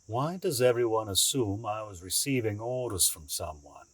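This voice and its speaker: In an audio drama, a male actor with a lowish, husky voice plays a cunning escaped asylum inmate who is calmly menacing. His delivery is deliberate, theatrical, and condescending, smugly intense, with no echo.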